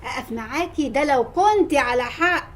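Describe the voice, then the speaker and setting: A woman's voice: high voice, animated, normal speed, a little hiss or hum. An actress playing an affectionate but firm older grandmother talking with her granddaughter.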